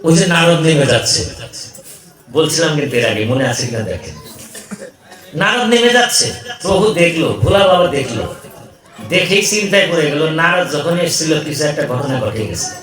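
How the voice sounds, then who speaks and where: A man preaching a Bhagavata sermon, telling the story with animated acted dialogue. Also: on the high side, fairly quick, pauses often. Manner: animated storytelling, voicing characters. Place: large gathering. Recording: echoey, distant, crowd behind.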